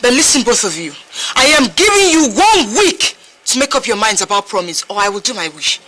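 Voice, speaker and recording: A defiant young bride-to-be. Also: female voice, a little high, sing-song, a little fast, heavily acted, low-quality recording. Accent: Nigerian. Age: young adult. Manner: defiant, sharp retorts. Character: headstrong young woman demanding to marry. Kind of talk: film drama acting. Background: film score music.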